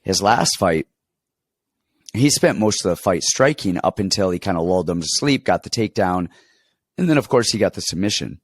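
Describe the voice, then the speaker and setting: Low-pitched but animated, this fight coach and podcast co-host speaks at a normal speed in a relaxed betting chat about fights. He's getting over being sick and sounds stuffed up, wandering through anecdotes with frequent false starts. There's no echo on the recording.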